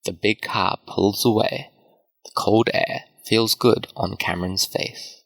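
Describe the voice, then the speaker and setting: Guy reading a simple story slow and clear, low gravelly voice. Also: rough recording. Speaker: narrator. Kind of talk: slow scripted story narration for English learners.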